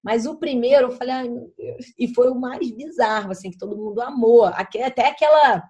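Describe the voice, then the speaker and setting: A woman guest on a podcast, telling stories in an animated, chatty way and swearing now and then. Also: fairly high pitch, brisk. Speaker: podcast guest, content creator. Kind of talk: casual chat.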